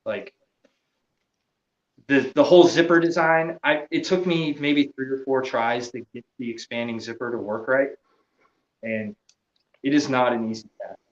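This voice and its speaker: A man's voice: mid-range voice, fairly even intonation, normal speed, pauses often, reverberant, dull audio. A man talking casually as a podcast guest, laid-back and trailing off, swearing casually and laughing often. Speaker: podcast guest, gear maker. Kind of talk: casual chat.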